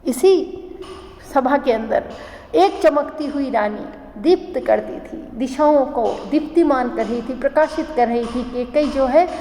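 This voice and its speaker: A woman with a high voice explains classical verse, reading each line and then paraphrasing it with feeling. She is recorded in a roomy space with a long reverb tail. A faint hiss sits under her voice. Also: unhurried, mellow. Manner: reads verses aloud and paraphrases them with feeling. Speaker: Hindi literature teacher.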